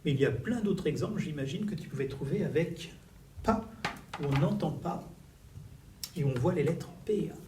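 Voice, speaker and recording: A man teaching a recorded reading lesson to young children in a classroom, slow and animated, stretching his syllables. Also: a little high, recorded from a distance. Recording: echoey room, voice a little off-mic, faint background noise.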